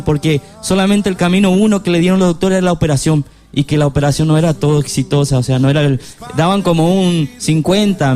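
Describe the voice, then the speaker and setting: A man, giving an emotional personal testimony in a halting, stumbling way. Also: fairly high pitch, darkish tone. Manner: halting, stumbling over words.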